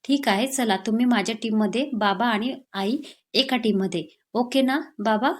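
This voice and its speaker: Woman doing a cheeky teasing young girl, romance story, kinda high voice. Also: normal speed, close to an everyday voice. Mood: playful. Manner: teasing, playful.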